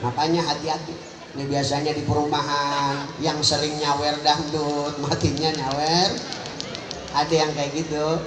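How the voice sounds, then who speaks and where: A man preaching a comic sermon at an outdoor religious gathering, animated and joking, climbing to high emphatic cries. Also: normal speed. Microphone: phone recording from the crowd. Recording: echoey, distant phone recording, noisy.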